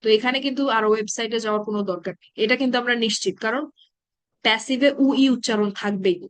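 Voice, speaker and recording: An Arabic grammar teacher with a fairly high voice runs a live online class, patiently reciting verb patterns slowly, one by one. She checks often that her students are following. The recording is close and dry, with no echo.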